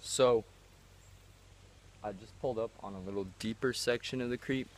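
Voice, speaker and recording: A young man in his teens narrates a fishing trip by a small creek, recording on a phone at arm's length in a casual, wandering style and often saying he isn't sure. His mid-range voice is fairly even in intonation at normal speed, with slight background noise.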